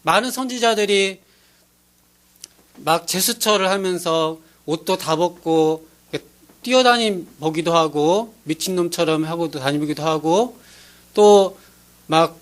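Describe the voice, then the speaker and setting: High-voiced earnest male pastor preaching. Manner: earnest, pleading preaching with acted-out quotes. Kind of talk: sermon.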